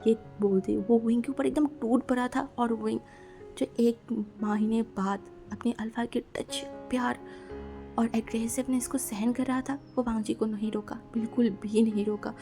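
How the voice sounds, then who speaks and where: A woman tells a fan-fiction story in a casual, chatty manner, sprinkling in English words and fillers. Her voice sits slightly high with a mellow, dark tone. Soft music plays faintly in the background. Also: fairly even intonation, moderate pace. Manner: casual Hindi-English mixed narration, frequent fillers.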